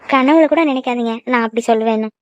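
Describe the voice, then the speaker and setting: A woman's voice: a little high, dry recording, dull audio, lightly acted. A woman voicing a jealous cartoon girlfriend. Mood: sulky, scolding. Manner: quick, sulky scolding. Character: young woman, jealous quick-tempered girlfriend. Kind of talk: cartoon voice acting.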